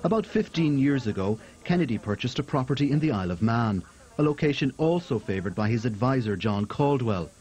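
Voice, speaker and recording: A man's voice: medium pitch, animated, brisk, a little mellow, low-quality recording. A man reading a scripted television news report as voice-over.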